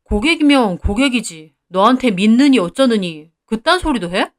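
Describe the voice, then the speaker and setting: A woman's voice: a little high, very animated, normal speed. A woman voicing a jealous, moody young boyfriend in a storybook-style drama, talking curtly and sulkily. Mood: sulky. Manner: curt, sulky, then wheedling.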